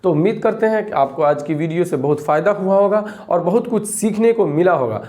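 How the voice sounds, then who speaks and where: A male Quran reading teacher who drills each syllable slowly and repeats it, then explains in a calm recorded lesson. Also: high-pitched.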